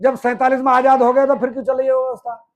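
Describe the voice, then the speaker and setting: This movement speaker talks fast in a very high-pitched, flat voice, delivering a political speech to a crowd. Emphatic, he poses rhetorical questions and answers them, piling up repeated phrases in lists, all captured in lo-fi sound.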